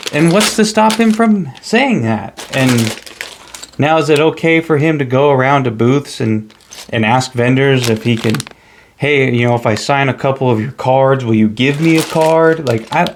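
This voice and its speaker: A man's voice: mid-range voice, background noise. A man in a casual hobby vlog, rambling opinions while counting pieces aloud. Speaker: hobby vlogger. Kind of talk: casual rambling commentary while building a set. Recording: loud crinkling of plastic bags. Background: crumpling bags and shuffling pieces.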